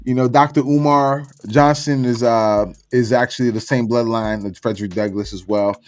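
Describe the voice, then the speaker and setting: A man's voice: medium pitch, steady tone, moderate pace. A man from Florida hosting a casual podcast chat, laid-back and slangy, going down a list with plenty of fillers. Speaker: podcast host.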